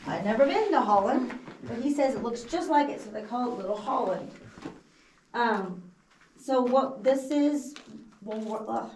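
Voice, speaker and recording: A woman's voice: on the high side, a little mellow. Echoing cave guide, an enthusiastic woman. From Texas. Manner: enthusiastic, folksy, informal grammar. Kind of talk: casual guided cave tour talk. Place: inside a cavern, echoing. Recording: echoing cave, distant mic, noisy.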